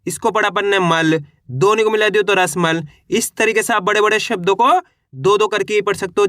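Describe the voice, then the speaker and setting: High-voiced, bright male teacher. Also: no echo, studio quality. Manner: sounds out syllables one by one, repeats words for pupils; encouraging, addresses viewers as friends. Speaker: Hindi reading teacher. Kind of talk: online reading lesson.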